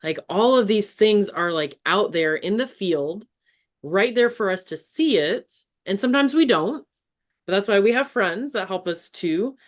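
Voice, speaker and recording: A woman's voice: medium pitch, animated, unhurried. A woman hosting a spiritual podcast, enthusiastic and encouraging in casual chat. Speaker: podcast host.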